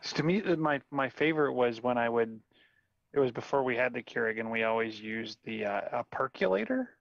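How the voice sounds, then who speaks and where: A man in his forties co-hosting a podcast from a home office over a video call, chatting in a relaxed, meandering way. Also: medium pitch, fairly quick, creaky, no echo. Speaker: podcast co-host. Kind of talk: casual chat. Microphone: remote video call. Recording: dull lo-fi call audio.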